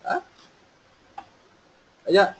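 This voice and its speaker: A man from Vietnam teaching an online pronunciation lesson, chatting casually and slowly repeating phrases for students to copy. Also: a bit bright, slight background noise, rough recording. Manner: casual, chatty explaining with fillers. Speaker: English teacher.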